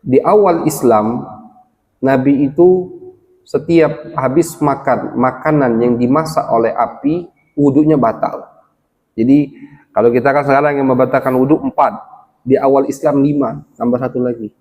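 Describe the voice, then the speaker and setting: Male religious teacher, study lecture, Arabic quotes explained, mellow voice, echoing hall. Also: medium pitch, muffled recording. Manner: explains slowly, quotes Arabic text then translates. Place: village gathering hall. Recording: long hall reverb.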